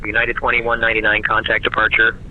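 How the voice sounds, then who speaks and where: Clipped male controller over headset radio. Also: fairly low pitch. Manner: flat, rapid-fire, businesslike. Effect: muffled air traffic radio heard over a cockpit headset. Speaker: air traffic controller. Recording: muffled radio audio with faint engine hum.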